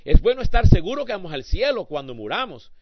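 A man preaching a sermon who swings between hushed asides and loud, emphatic appeals to the congregation. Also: high voice, big pitch swings, fast, no echo. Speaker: pastor. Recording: dull lo-fi sound.

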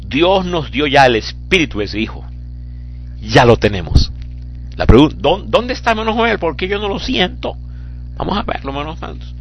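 A man's voice: mid-range voice, fairly bright tone, breathy edge. A man preaching a sermon as pastor, impassioned and fervent, building into cries.

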